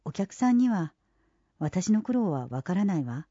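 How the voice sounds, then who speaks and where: A reader voicing a weary, resigned young woman who speaks in a plaintive, quietly sulky way in an audiobook. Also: lowish voice, big pitch swings, moderate pace, breathy edge, no echo, highs cut off.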